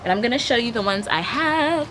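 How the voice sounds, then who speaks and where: This young woman sounds animated and fairly bright, with a fairly high pitch and a fairly quick pace. As a beauty vlogger she casually chats to camera through a step-by-step makeup tutorial while working, out in a leafy backyard garden with noisy ambience and traffic hum.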